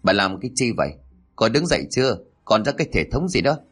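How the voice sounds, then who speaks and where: A man's voice: medium pitch, animated, brisk, a bit bright, husky. A man voicing a stern elderly landowner who scolds his wife with authority. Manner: stern, commanding, reproachful.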